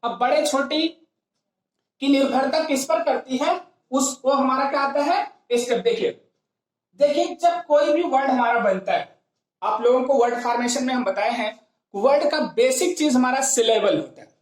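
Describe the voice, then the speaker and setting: In a very echoey classroom, a woman with a high voice lectures on English grammar at a moderate pace. She explains things step by step and poses rhetorical questions to herself.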